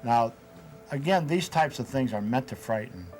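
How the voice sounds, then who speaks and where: A man being interviewed as a paranormal investigator, telling events in a measured way with hesitant fillers. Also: medium pitch, lively intonation, a little mellow, faint music behind, low-quality recording. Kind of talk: interview storytelling.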